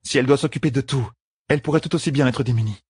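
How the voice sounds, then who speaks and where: A man voicing a poised, teasing young queen in an audiobook, with a husky tone and composed delivery. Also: mid-range voice, rapid-fire, darkish tone, no echo, studio quality, pitched above the performer's own voice. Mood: earnest. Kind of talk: audiobook character voice.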